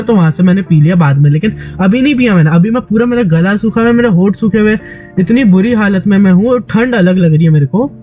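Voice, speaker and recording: A man's voice: high-pitched, darkish tone. A man from Delhi with a sore, dry throat, animatedly telling a story to a friend in casual chat, with many restarts. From Delhi, India. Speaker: gaming YouTuber.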